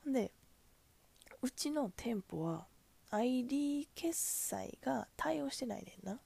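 Husky Kansai woman venting. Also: fairly high pitch, expressive, a little slow, warm tone. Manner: chatty, exasperated, acts out customer exchanges. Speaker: cashier. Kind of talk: casual venting monologue.

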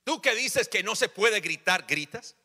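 A man's voice: high voice, animated, unhurried, bright, forceful tone, husky. A man in his forties preaching a sermon in a church, acting out little family dialogues with humor. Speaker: pastor. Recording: church hall reverb.

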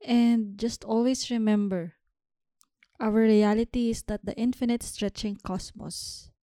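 A young woman hosts her own podcast and talks to listeners in a chatty, upbeat way. Her voice sits in a middle pitch and has a mellow, warm tone. The recording is dry and close to the mic. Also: steady tone, measured pace, no room sound. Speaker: podcast host. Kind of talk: solo podcast talk. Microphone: home podcast mic.

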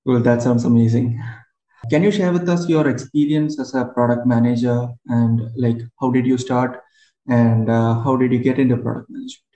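A man's voice: mid-range voice, steady tone, moderate pace, warm tone. A man hosting a podcast, asking friendly, slightly hesitant questions with fillers. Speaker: podcast host. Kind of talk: casual interview hosting. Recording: roomy echo with faint music.

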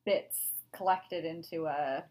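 A woman's voice: low voice, slow pace. A woman co-hosting a book podcast in casual chat, upbeat and agreeable. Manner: upbeat, agreeable, lively intonation. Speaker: podcast co-host; writer.

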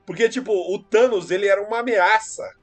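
A man sharing strong opinions in a casual podcast chat. His voice sits high and has a raspy, breathy edge, and he presses his points earnestly. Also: fairly quick, soft background music.

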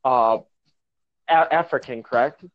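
A man's voice: mid-range voice, unhurried. An American man chatting casually in a blunt, enthusiastic and emphatic way. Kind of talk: casual chat. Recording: dull lo-fi app call audio.

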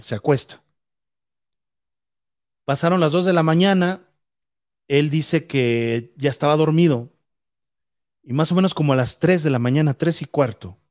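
Mexican male storyteller, higher voice, rambling ghost-story narration. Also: a little mellow. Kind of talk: casual spoken ghost story.

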